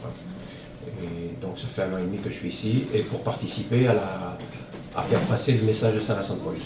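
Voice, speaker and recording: A priest introducing himself and his past mission work in a radio interview, speaking calmly and steadily. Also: fairly low pitch, a little fast. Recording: echoey room, distant mic, noisy.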